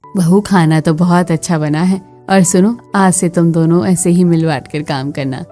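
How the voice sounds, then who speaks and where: A woman's voice: lowish voice, steady tone, normal speed, dark tone, faint music behind, close to an everyday voice. A woman voicing a preachy, disapproving older aunt-in-law visiting the family in a skit. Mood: advising.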